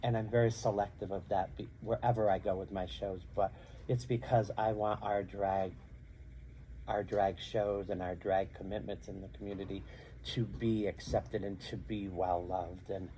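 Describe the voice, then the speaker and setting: A man's voice: fairly low pitch, level tone, moderate pace, mellow, a little hiss or hum, rough recording. A middle-aged man who works as a drag queen and show host, answering interview questions earnestly and repeating phrases for emphasis.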